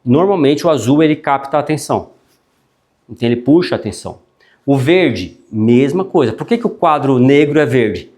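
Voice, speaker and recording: A man teaching a public speaking class, animated and chatty, dropping frequent tag questions and jokey asides. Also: medium pitch, moderate pace. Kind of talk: classroom lecture.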